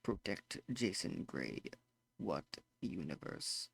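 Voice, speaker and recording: A man's voice: sits low, lively intonation, slow pace, gravelly, breathy edge, heavily acted. A man voicing a damaged robot that glitches, stutters and repeats words in clipped machine phrasing. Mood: glitching monotone. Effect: glitching robot voice, words breaking and repeating.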